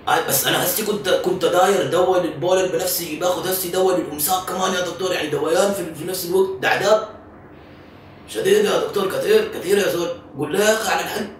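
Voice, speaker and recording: A man's voice: high-pitched, steady tone, very fast, a little hiss or hum, close to an everyday voice. A man voicing an insistent, complaining Sudanese caller with a Sudanese Arabic accent in an improvised prank call. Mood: exasperated.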